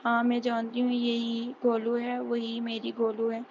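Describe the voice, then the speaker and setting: A woman reading the lines of an elderly grandmother in a flat monotone. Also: on the high side, natural voice. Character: elderly grandmother, gentle but hurt. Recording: dull lo-fi recording with faint hiss.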